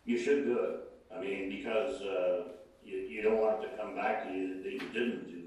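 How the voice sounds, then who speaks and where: A man advising a town council over a remote call line that cuts in and out, speaking in a halting way with frequent fillers. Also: lowish voice, fairly even intonation, a little mellow, slight background noise. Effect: heard over a remote call line, cutting in and out. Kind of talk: remote council meeting remarks. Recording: echoey, distant call audio.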